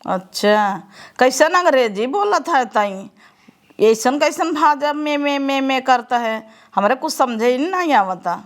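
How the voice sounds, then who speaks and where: A woman's voice: high voice, lively intonation, a little slow, dry recording, clean studio sound. A woman with an Awadhi accent playing a rustic mother who teases and scolds her married daughter in a comedy sketch. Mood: teasing. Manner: scolding, sarcastic. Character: rustic mother, sharp-tongued and teasing.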